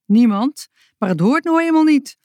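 A woman's voice: high-pitched, animated, moderate pace, warm tone, no room sound, studio quality, pitched above the performer's own voice. A woman voicing a strict, grumpy male forest ranger in a children's storybook reading, talking sternly and curtly. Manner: stern and curt.

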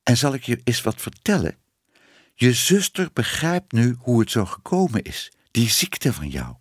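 A man's voice: medium pitch, wildly swooping pitch, measured pace, husky, dry recording, studio quality, exaggerated voice. A man voicing a stern, disapproving old female cat who scolds and bosses her niece. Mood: bossy.

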